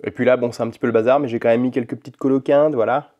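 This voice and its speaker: A man chatting casually at home in a vlog about language learning, talking in a relaxed, rambling way with frequent hesitations. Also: medium pitch, very fast, dull audio. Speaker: language-learning vlogger and podcaster. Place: at home in his apartment.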